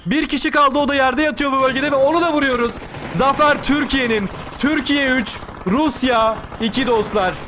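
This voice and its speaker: A man giving excited live play-by-play commentary on an online game tournament, repeating calls and cheering his side on. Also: very high-pitched, moderate pace, background noise. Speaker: esports commentator.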